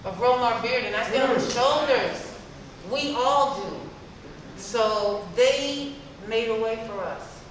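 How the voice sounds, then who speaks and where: An older woman speaking at a premiere panel, animated and laughing often. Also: fairly high pitch, slow, noisy background. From Virginia and North Carolina roots, US. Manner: animated, laughing, quoting voices. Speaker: author and director at a premiere panel. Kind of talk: casual panel talk. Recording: roomy far-off hall mic with crowd murmur.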